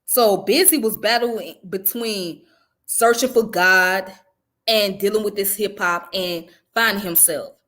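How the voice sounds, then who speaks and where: A woman raised in the American South hosts her own channel, offering blunt, profane, conversational commentary in a casual vlog. Her mid-range voice is a little bright, and she takes her time.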